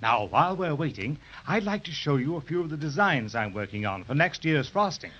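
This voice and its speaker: A man's voice: a little high, big pitch swings, fairly quick, a bit bright. An actor playing a friendly male Jack Frost, a proud craftsman who talks cheerfully with little hesitant uh's. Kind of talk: 1930s radio drama acting. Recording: dull lo-fi 1930s transcription.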